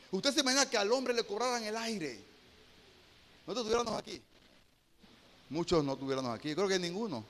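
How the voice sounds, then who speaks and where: A male pastor preaching a sermon, asking the congregation rhetorical questions and moving between hushed storytelling and loud exhortation. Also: sits high.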